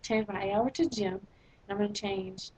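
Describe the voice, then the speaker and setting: A teenage girl in eleventh grade ranting in a casual vlog, sarcastic and exasperated, with a slightly husky voice. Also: medium pitch, normal speed, slight background noise, poor audio. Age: teens. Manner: exasperated, sarcastic, animated complaining. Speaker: vlogger.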